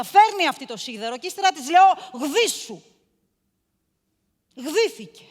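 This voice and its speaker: An actress playing a cruel, domineering mistress of a house, cold and contemptuous, breaking into shouts, in a stage monologue. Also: female voice, sits high, big-room sound.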